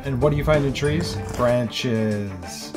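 A man's voice: mid-range voice, slow. A man narrating a bushcraft tutorial in a playful, jokey question-and-answer manner, outdoors in a park. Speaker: bushcraft channel co-host. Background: music.

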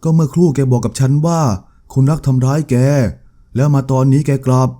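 A man voicing an anxious, scolding middle-aged mother who fires off quick questions. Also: mid-range voice, fairly even intonation, mellow, natural voice.

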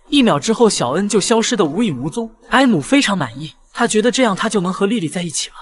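A man's voice: high-pitched, a bit bright. A man reading scripted narration as a drama recap narrator.

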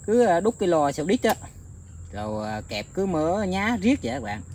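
A man talking casually to his viewers outdoors, rambling with many filler pauses. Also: sits high, big pitch swings, a little mellow, a little hiss or hum. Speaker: bird-trapping vlogger. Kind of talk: casual outdoor vlog narration. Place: outdoors in countryside.

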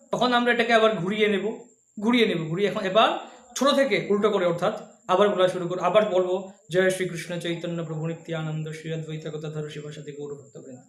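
A man giving a slow, patient devotional lesson, showing each step by hand and chanting softly between explanations. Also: sits high. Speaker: devotional teacher. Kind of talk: slow spoken instruction with chanting. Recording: echoey room.

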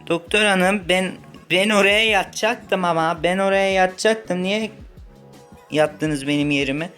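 Whiny high-voiced man playing a patient. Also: a little slow, fairly bright tone, soft background music. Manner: whiny, complaining, playfully dramatic. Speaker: gaming video host. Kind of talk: playful game role-play, playing a patient.

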